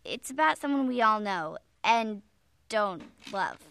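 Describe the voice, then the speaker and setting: A woman's voice: mid-range voice, expressive, measured pace, vocal fry, a bit bright, a little hiss or hum. An actress playing an earnest, trusting girl who also narrates parts of a radio drama. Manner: earnest, reasoning.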